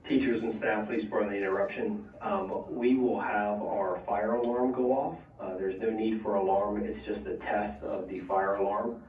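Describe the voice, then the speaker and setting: A man making a calm routine announcement over a school intercom loudspeaker, with fillers. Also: fairly low pitch, normal speed, few pauses, slight background noise. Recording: tinny distant intercom in an echoey classroom.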